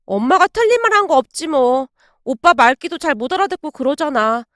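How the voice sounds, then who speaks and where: A woman's voice: sits high, lively intonation, a little fast, fairly bright tone, no echo, clean studio sound. A woman voicing a blunt, chatty young sister-in-law who teases her brother. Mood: teasing. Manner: chatty, teasing.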